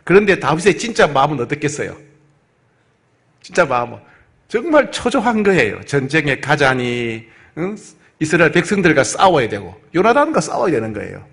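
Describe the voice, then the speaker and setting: Brief: male pastor, fairly high and very lively voice, engaging the congregation. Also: a little fast, gravelly. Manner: animated, asks the congregation questions. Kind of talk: Bible study sermon.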